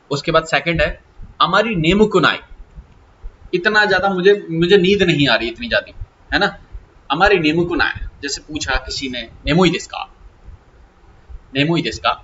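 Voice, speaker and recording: Male language teacher, fairly high bright voice, coaxing and repetitive, dull lo-fi audio. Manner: repetitive, coaxing, checks with "okay" and "hai na". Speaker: Japanese teacher. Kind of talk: explaining grammar lesson. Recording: slightly dull lo-fi audio with faint hiss.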